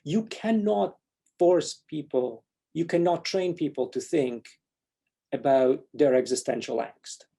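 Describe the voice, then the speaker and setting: A man's voice: on the high side, slow, gravelly, mellow, slightly rough. A man from Poland giving a talk and answering audience questions, reflective and wry, with frequent restarts.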